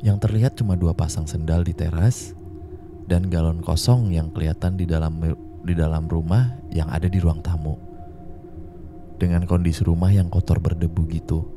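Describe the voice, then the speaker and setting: A man hosting a podcast, reading out a listener's ghost story in a slangy, conversational way and slowing down for suspense. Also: deep voice, steady tone. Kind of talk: casual horror storytelling. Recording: clear music bed behind. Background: music.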